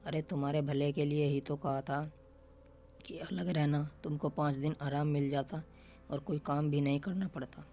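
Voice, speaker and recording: A woman's voice: sits low, steady tone, normal speed, dark tone, slight background noise. A man voicing a stern, traditional older mother-in-law in a storybook reading, scolding and insistent.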